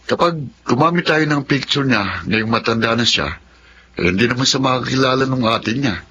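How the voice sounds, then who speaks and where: An actor playing an easygoing, teasing young older brother in an audio drama. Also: male voice, medium pitch, animated, moderate pace, sharp tone, highs cut off, a little hiss or hum. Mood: joking.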